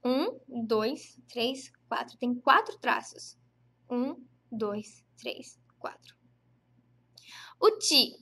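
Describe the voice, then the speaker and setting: A Brazilian woman giving an online Japanese lesson, patient and chatty, repeating each syllable slowly for practice. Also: a little high, animated, bright, forceful tone, slightly rough. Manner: frequent tag questions, chatty teaching tone. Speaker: Japanese teacher.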